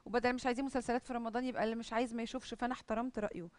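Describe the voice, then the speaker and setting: An Egyptian woman hosts a studio talk show, her voice a little high. She fires off pointed questions at a very quick clip. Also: fairly even intonation, dry recording. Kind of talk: confrontational interview questioning. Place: TV studio with audience.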